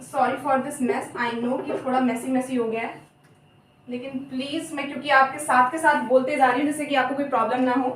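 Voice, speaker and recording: High-voiced young woman teaching, echoey. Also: steady tone, fairly bright tone, distant mic, a little hiss or hum. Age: young adult. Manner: chatty, apologetic, repeats terms slowly. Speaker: biology teacher. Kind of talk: casual Hindi lecture with mnemonics. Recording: echoey room, voice off-mic.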